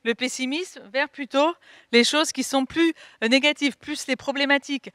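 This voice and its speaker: High-voiced woman coaching over a video call. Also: normal speed, no room sound, studio quality. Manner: lively, rhetorical questions, frequent "ok?" check-ins. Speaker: wellness coach. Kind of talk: online video workshop.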